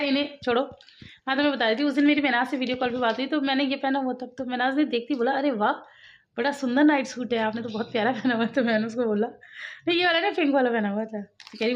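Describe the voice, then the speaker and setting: A woman in her thirties, a vlogger and mother, chats casually to her viewers at home, laughing often and coaxing her children. Her voice is high, and the audio is dull with a little hiss or hum.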